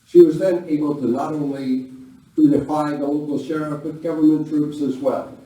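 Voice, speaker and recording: A man hosts and narrates a live Western radio play before an audience at a village venue, mixing stage hosting with dramatic scripted narration. His voice is on the high side, steady, mellow and moderately paced. The recording is very echoey and noisy, with a distant mic.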